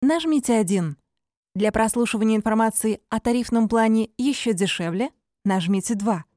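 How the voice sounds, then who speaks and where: High-pitched woman's phone menu voice. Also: mellow, dry recording, clean studio sound. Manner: measured, formulaic announcing of options. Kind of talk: scripted phone menu voice prompts.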